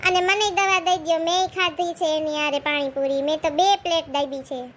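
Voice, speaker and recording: A woman playing chatty, high-voiced village woman Kagdi. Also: fairly even intonation, moderate pace, a bit bright. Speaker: comic lead and narrator. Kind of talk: village comedy skit.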